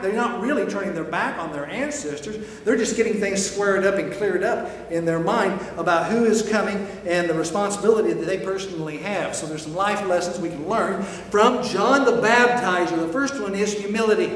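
A man preaching a sermon, emphatic and animated, firing rhetorical questions, recorded in an echoey church hall. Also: high-pitched, slight background noise. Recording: echoey hall with long reverb.

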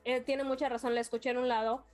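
A Mexican woman with a notably high voice, narrating a story in a lively, animated way during a casual conversation. She keeps the telling vivid, and faint music plays underneath. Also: fast. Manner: animated storyteller, acts out quotes. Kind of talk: casual chat.

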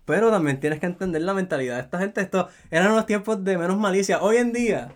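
A man's voice: high-pitched, fast talker. A young man with a Puerto Rican accent, co-hosting a casual podcast and joking while slipping into English. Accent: Puerto Rican Spanish. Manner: laid-back, joking, mixes in English. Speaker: podcast co-host.

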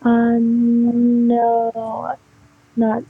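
A woman's voice: a little high, monotone, extremely slow, husky, dry recording, faint music behind. Faint young woman, phone held away. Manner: hesitant, mumbling answers. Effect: faint, distant voice as if the phone is held away. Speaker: prank call target. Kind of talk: phone conversation. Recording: tinny muffled phone line.

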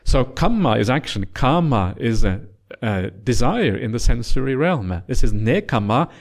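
A middle-aged Norwegian monk, a native speaker of Norwegian, leads a retreat with a gentle, teasing dharma talk full of uhs and yeahs. His mid-range voice is gravelly and very animated, at normal speed.

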